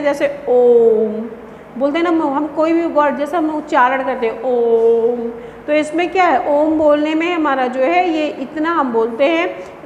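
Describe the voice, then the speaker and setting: A high-pitched woman teaches a class, patiently repeating terms and posing questions she then answers herself. Her voice rings in a room with a long, echoing reverb. A faint hiss runs under it. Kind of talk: classroom lesson.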